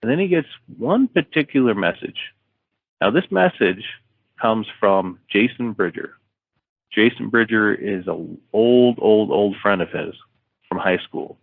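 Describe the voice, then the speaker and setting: A man on a podcast interview, retelling a story in a loose, rambling way full of fillers and restarts. His voice is very low and sounds thin and tinny, like a phone line. There is no room echo. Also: lively intonation, a little slow, vocal fry, husky. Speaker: author guest.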